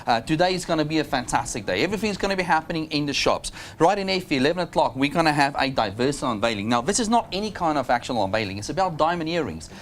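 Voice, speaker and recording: Fast-talking upbeat South African salesman. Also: on the high side, sing-song, fairly bright tone, a little hiss or hum. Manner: enthusiastic, salesman-like. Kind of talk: upbeat promotional announcements in chat.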